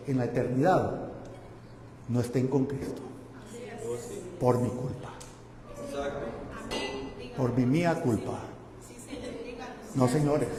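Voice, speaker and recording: Male pastor, high voice, fervent sermon, long church reverb. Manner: fervent preaching, building to loud exclamations. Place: church sanctuary. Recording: echoey church hall.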